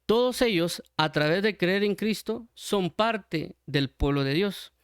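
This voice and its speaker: A man's voice: high voice, animated, unhurried, clean tone, no echo. Guatemalan man preaching, dry close voice. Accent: Guatemalan Spanish. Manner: explanatory, repeats points with many restarts. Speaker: Bible teacher. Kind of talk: sermon.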